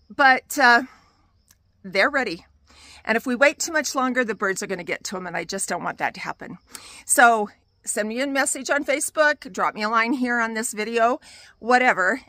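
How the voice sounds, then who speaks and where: Older woman, talkative gardening host, a touch high-pitched, folksy and unhurried. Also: bright, forceful tone, no room sound. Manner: chatty and homey, with fillers and self-deprecating laughs. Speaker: gardening vlogger. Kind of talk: casual garden tour chat. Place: outdoors in a home garden.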